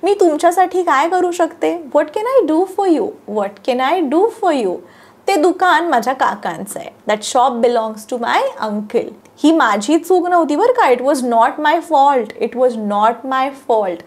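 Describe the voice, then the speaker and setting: Marathi-accented woman teacher, high voice, says every english line slow and careful twice. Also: darkish tone. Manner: repeats each English sentence slowly and carefully. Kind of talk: language lesson, reading sentences slowly.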